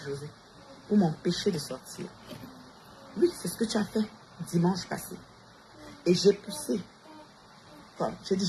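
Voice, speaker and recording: A woman's voice: mid-range voice, a little mellow. A woman, ranting defiantly on a livestream and calling out her rivals directly. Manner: defiant, addresses rivals directly with repeated challenges. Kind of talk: confrontational livestream rant. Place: Montreal. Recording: noisy background ambience.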